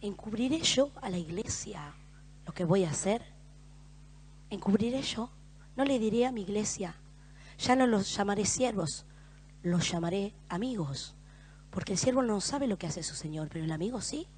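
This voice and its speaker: A middle-aged woman with an Argentine accent preaching a sermon in church, moving between loud, emphatic exhortation and hushed storytelling. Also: mid-range voice, animated, moderate pace, pauses often, a little hiss or hum. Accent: Argentine Spanish.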